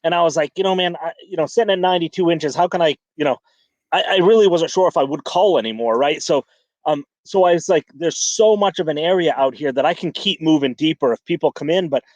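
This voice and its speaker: A man's voice: fairly high pitch, fast talker, a little mellow, no room sound. A man chatting casually on a fishing podcast, rambling with many restarts and fillers. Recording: dull lo-fi dry sound.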